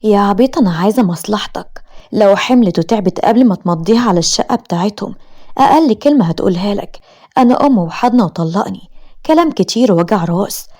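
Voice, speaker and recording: A woman with an Egyptian accent voicing a scheming, cruel sister-in-law in an animated story. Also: mid-range voice, fast, close to an everyday voice. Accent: Egyptian Arabic.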